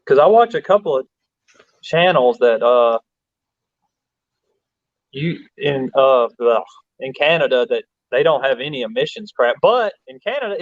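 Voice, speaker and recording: A man's voice: a little high, dry recording, lo-fi sound. A man from Alabama, hosting a casual livestream, rambling, laughing often and reading chat aloud. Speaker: livestream host.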